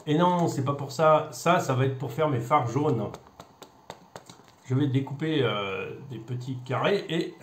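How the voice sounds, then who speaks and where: A man's voice: medium pitch, a little hiss or hum. A man casually presenting a hobby unboxing video, joking at his own expense and hesitating with many fillers. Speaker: hobbyist vlogger. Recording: echoey room with faint ambience.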